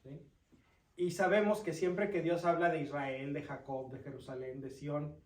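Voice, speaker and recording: Deacon teaching scripture in a roomy hall. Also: male voice, a little high, steady tone, moderate pace. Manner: reads scripture aloud, then explains it and quizzes listeners. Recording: roomy sound from a distant mic.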